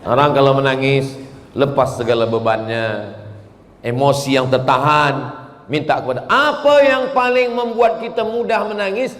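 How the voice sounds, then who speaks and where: A man in his forties preaching a sermon in a lively storytelling way with touches of humor. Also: medium pitch. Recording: echoey hall with long reverb.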